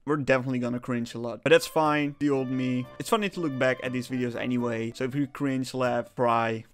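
A man's voice: mid-range voice, fairly even intonation, a little fast, faint music behind. A young man casually chatting as a YouTuber, rambling and self-mocking, swearing now and then. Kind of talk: casual vlog commentary.

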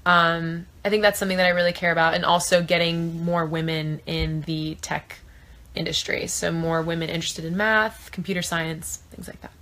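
A woman in her twenties from South Florida answers fan questions in a casual live chat, filmed on a phone held at arm's length inside a small trailer room. Her voice is fairly low and a bit bright, with little pitch movement and a moderate pace, and she fills pauses with lots of thinking-aloud fillers.

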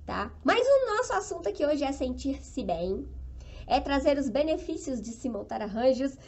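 A Brazilian woman with a high, bright-sounding voice runs a live stream as a flower-arranging instructor. She talks with upbeat, motivational enthusiasm and keeps turning to her audience for agreement while she handles the flowers. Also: sing-song, moderate pace. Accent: Brazilian Portuguese.

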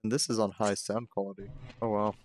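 A man's voice: fairly low pitch, level tone, fairly quick, darkish tone, dry recording. A man giving joking, chatty let's play commentary, reacting aloud as he plays. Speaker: gaming host.

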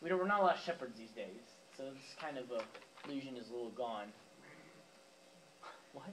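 A man's voice: medium pitch, animated, a little fast, fairly bright tone, slight background noise, poor audio. A young man giving a youth sermon in a casual, chatty way, talking straight to the teens. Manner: casual, talks directly to teens with fillers and asides. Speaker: youth pastor. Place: church youth room, with a live audience.

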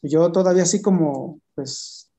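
A man giving a personal testimony in conversation, telling his story in a halting way with frequent restarts. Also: on the high side, dark tone.

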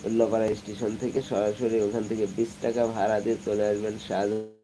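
A young man from Bangladesh chats softly with his live-stream viewers, his voice low and a little subdued from a cold. He reads comments aloud in a casual, friendly patter on a phone with no external mic. Crickets and insects buzz clearly behind him in the night air. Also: little pitch movement, quick pace, slight background noise, low-quality recording. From Sirajganj, Bangladesh. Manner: chatty, reads comments aloud, hums song snatches. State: has a cold, speaking softly. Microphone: phone, no external microphone.

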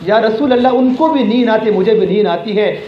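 This is emphatic preaching from a man with a high voice, who narrates a religious story, cites Arabic passages, and repeats lines for effect. The sound is lo-fi, dull and echoey, with faint background noise.

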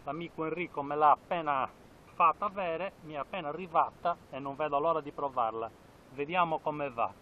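A man's voice: a little high, fairly quick, muffled recording, a little hiss or hum. A man in his fifties, a spearfishing vlogger, talking enthusiastically to an action camera outdoors by the sea. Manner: enthusiastic, repeats phrases. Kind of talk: casual vlog narration to camera. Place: outdoors by the sea, then in the water.

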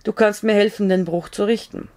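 A woman's voice: mid-range voice, fairly even intonation, fairly quick, darkish tone, lightly acted. A woman voicing an injured male frontier doctor who gives sober, matter-of-fact instructions in an audiobook reading. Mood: calm.

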